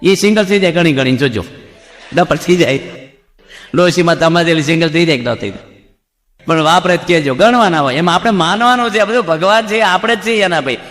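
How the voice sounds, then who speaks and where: Joking monk preaching. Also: male voice, fairly high pitch, brisk, fairly bright tone. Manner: jokey, keeps asking the audience questions. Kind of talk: humorous sermon. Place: assembly hall before a seated audience. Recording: reverberant hall with faint music.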